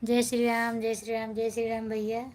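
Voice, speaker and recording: Woman from india chatting on a phone live, kinda high pitched, pretty flat tone, calms people down sweetly. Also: a little fast. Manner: affectionate, soothing, addresses viewers as brother and sister. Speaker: live stream host. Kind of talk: casual live chat reading comments.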